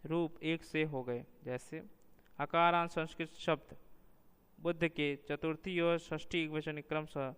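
A man reading a linguistics lesson aloud, listing examples one after another in a measured way. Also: a little high, fairly even intonation, fairly bright tone, clear, resonant tone, long reverb tail. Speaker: lecturer.

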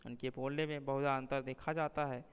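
Male teacher, measured read-aloud lesson, very resonant voice, reverberant room. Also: mid-range voice, level tone, clean tone. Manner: measured, slows down to spell out example words. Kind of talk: reading a linguistics lesson aloud.

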